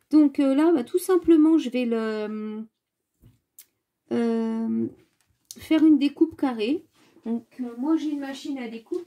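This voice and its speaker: A woman's voice: a little high, creaky, dark tone. A woman hosting a casual craft tutorial, thinking aloud while she works, hesitant with many filler sounds and restarts. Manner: talks to viewers while working with her hands.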